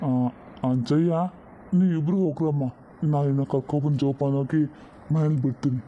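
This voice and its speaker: A man's voice: on the high side, steady tone, moderate pace, narrow, tinny audio, natural voice. A man voicing a stern but doting old grandfather, who scolds and then turns fond. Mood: fatherly.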